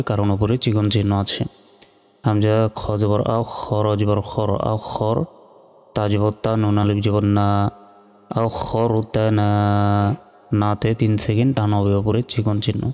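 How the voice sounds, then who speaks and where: Male Quran reading tutor, deep smooth voice, flat steady delivery, reverb and faint music behind. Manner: slow, measured letter-by-letter spelling. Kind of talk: spelling out Arabic letter by letter.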